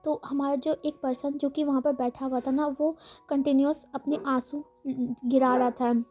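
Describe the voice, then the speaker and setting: A woman's voice: high-pitched, little pitch movement, normal speed, dark tone. A woman casually narrating a fan fiction story, rambling with lots of fillers and English words mixed in. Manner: rambling, frequent fillers, mixes English words into her speech. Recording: faint music behind the voice.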